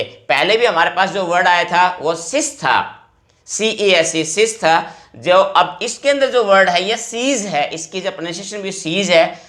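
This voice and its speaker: A male teacher explaining vocabulary words to exam students, repeating each word slowly. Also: a little high, a bit bright.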